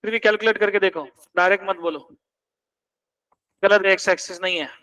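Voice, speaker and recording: A man's voice: high-pitched, steady tone, brisk, pushed and bright, recorded from a distance, low-quality recording. A man teaching math in a classroom, quizzing students and pressing them to check each step. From India.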